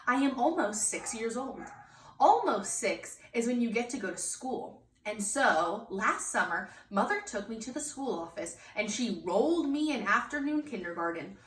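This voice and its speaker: An expressive woman with a voice on the high side reads a kids' book aloud at normal speed, her emphatic narration aimed right at children. The mic sits at a distance in an echoey space, picking up faint noise.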